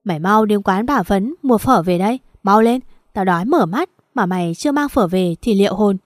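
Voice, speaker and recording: A woman's voice: mid-range voice, animated, normal speed, no room sound, clean studio sound, lightly acted. A woman voicing a harsh, scornful middle-aged mother-in-law who scolds sharply. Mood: scolding.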